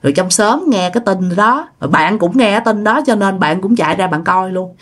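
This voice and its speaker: A woman's voice: medium pitch, expressive, fairly quick, a bit bright. A woman telling a ghost story in a casual, chatty way, often speaking to her listeners directly.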